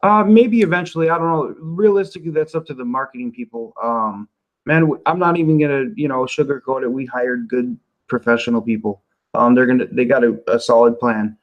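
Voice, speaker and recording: A man casually answering community questions on a livestream from his home office, relaxed and laughing often, with loose filler-heavy talk. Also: mid-range voice, fairly quick, lo-fi sound.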